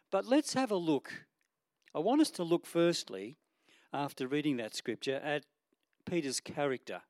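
Guy preaching a sermon, mid-pitched voice, talky and earnest, lots of ums and restarts, dry close sound. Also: no room sound.

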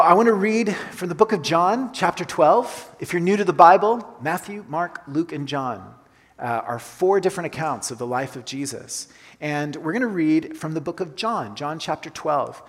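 A man's voice: on the high side, slightly rough. A pastor who grew up in Colombia gives a conversational sermon, repeating his key phrases for emphasis. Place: church sanctuary. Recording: long hall reverb.

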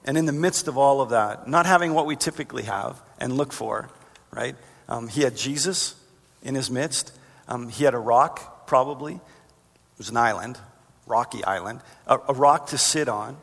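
A man preaching a sermon as pastor, earnest, reading verses and climbing higher for emphasis. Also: moderate pace, vocal fry, a bit bright. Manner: earnest, rises in pitch for emphasis. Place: church sanctuary. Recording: long reverb of a large hall.

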